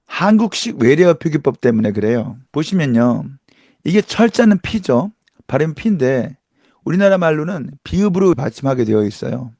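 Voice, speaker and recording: A man's voice: on the high side, very animated, moderate pace, mellow, no echo. A middle-aged man teaching English pronunciation in an emphatic lecture style, asking rhetorical questions and demonstrating sounds. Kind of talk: lively online lecture.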